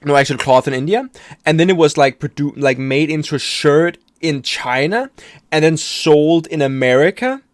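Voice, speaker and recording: A man's voice: a little high, expressive, normal speed, dry recording, clean studio sound. A man streaming a reaction video, rambling in casual commentary with lots of swearing, restarts and self-mocking laughs. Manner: rambling, profane, restarts often, laughs at himself.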